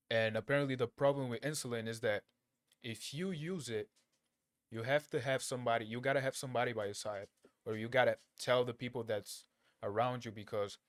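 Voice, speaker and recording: A reaction video creator, born in Angola and raised in Portugal, speaks native Portuguese in a mid-range voice. His unscripted commentary is casual, blunt, slangy, and halting, often repeating phrases, and the recording is dry with studio quality.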